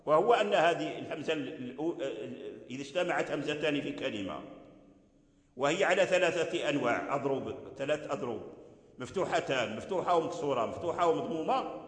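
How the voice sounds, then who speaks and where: A man's voice: fairly high pitch, expressive, a little fast. A man, teaching Quran recitation and explaining verse by verse while repeating example words. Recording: echoey hall.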